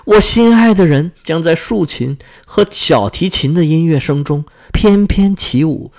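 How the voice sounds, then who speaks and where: A man's voice: on the high side, lively intonation, measured pace, a little mellow. A man voicing a lovesick young student in a fairy-tale reading, pleading and heartbroken. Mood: wistful.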